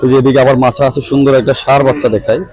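Touring a muddy cattle market in the rain, this man haggles with sellers over prices and talks straight to the people watching his vlog in a chatty way. He speaks rapid-fire in a mid-range, somewhat mellow voice with little pitch movement. The audio is poor and dry, with the market crowd chattering and rain falling in the background.

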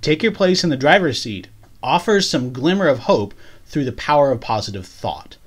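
A co-host talks through an episode in relaxed conversation. The voice is middle-pitched, and the talk is thoughtful and measured as it explains what scenes mean. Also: husky. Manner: thoughtful, explains background and meaning in measured turns. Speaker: podcast co-host. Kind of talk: casual chat recapping a TV episode.

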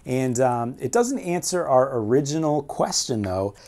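Male teacher, 40s; warm, even-pitched voice, methodical classroom delivery. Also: measured pace. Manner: clear, methodical explaining with occasional fillers. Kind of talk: educational explainer video. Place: indoor room before a whiteboard and framed ship painting. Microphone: camera at medium distance.

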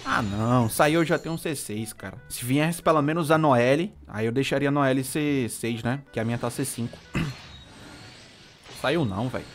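A young adult Brazilian man with a Brazilian Portuguese accent, excitably commenting on his own game pulls on a live stream, pleading and groaning at each result. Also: mid-range voice, normal speed, faint music behind. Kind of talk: live gacha-pull commentary.

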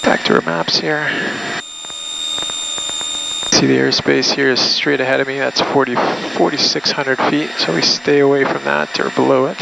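A man flying a small plane, calmly calling out checks and radio calls through his pilot's headset in the cockpit. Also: mid-range voice, moderate pace, creaky. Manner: calm, matter-of-fact checklist callouts. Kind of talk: talking through a flight while flying. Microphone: pilot's headset mic. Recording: loud engine noise in the cockpit.

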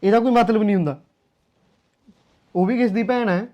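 A man's voice: high voice, brisk, dark tone, lightly acted. An actor playing an angry grown son who argues bitterly with his mother in a short film drama. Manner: bitter, confrontational.

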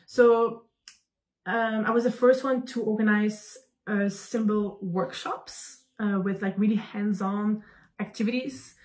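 A young woman from Belgium, a company founder answering interview questions over a video call, talking in an animated way with many fillers and restarts. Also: mid-range voice, a little slow. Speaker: guest, founder. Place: room at home.

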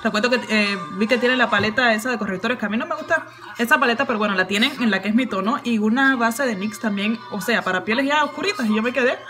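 A young woman chatting casually to camera in a vlog, filmed on a phone held close in a small room at home. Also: a little high. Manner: chatty, animated, talks to a small child. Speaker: vlogger. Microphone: phone camera close to her face.

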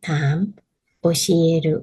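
A woman teaching a casual language lesson, patiently explaining and repeating phrases slowly so learners can practice. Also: warm tone, rough recording.

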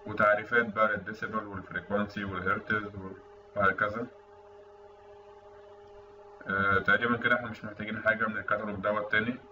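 An instructor with an Egyptian Arabic accent runs through technical content in a casual voice-over. His voice sits on the low side, flat but pushed and bright, and he talks fast with frequent pauses. A distant mic picks up faint noise in a roomy, dull-sounding space.

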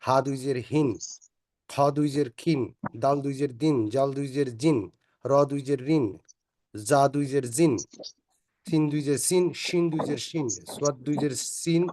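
A man's voice: fairly high pitch, fairly even intonation, moderate pace, warm tone. A man student carefully reciting letter drills for his teacher over a call.

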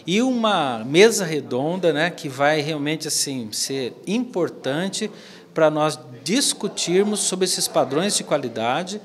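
Man explaining calmly in an interview. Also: fairly high pitch. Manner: measured, explanatory, frequent "né". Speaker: physiotherapy professor. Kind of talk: interview answers. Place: indoor office corner by a plant. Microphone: handheld interview mic.

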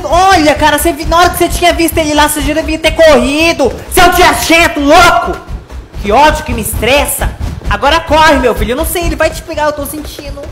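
High-voiced woman yelling at a screen. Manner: excitable, yells advice at the screen. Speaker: reaction channel host. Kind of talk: reacting to videos.

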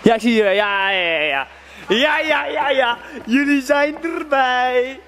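An excited young man chatting casually for a vlog, often repeating his words, recorded on a handheld camera. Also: very high-pitched, measured pace. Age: young adult. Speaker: vlogger playing seeker in hide and seek. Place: large dark indoor trampoline park. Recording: noisy handheld camera audio, clicks.

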